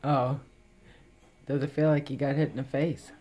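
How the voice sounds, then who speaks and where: A middle-aged woman in casual conversation, gently coaxing and reassuring as a parent, explaining things simply. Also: extremely low pitch, flat delivery, moderate pace. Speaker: parent looking after a patient. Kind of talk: casual chat. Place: small recovery room, indoors.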